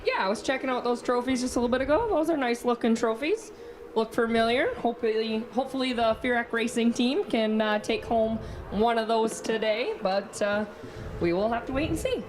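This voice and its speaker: A woman's voice: fairly high pitch, a little fast. A woman co-commentating live on a race in a conversational sports broadcast style. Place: broadcast booth at a racetrack. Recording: background noise at outdoor race.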